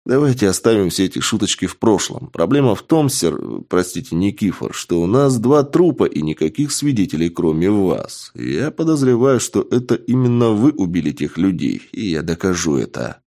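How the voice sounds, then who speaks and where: Man doing a gruff tired cop, lowish voice, stern questions, audiobook. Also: big pitch swings, moderate pace, few pauses, warm tone. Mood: accusing. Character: tired, irritated middle-aged male police investigator. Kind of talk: audiobook character voice.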